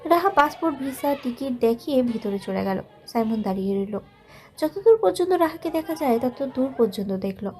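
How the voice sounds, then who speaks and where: Sex: woman. Role: story narrator. Style: scripted narration. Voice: high. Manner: soft, measured, emotional. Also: lively intonation.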